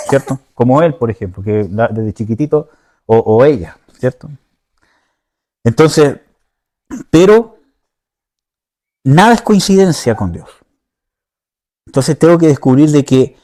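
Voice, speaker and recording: A man's voice: medium pitch, mellow. A man giving an informal teaching sermon, often checking in with his listeners and searching aloud for words. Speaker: preacher.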